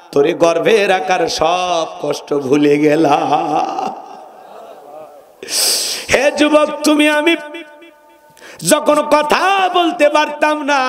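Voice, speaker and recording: Male preacher, chanted sermon, melodic and emotional, high voice.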